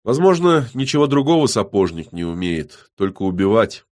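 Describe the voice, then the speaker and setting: Man voicing a brooding loner: low, flat, calm and gloomy. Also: normal speed. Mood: grim. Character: gloomy quiet man with inner beast.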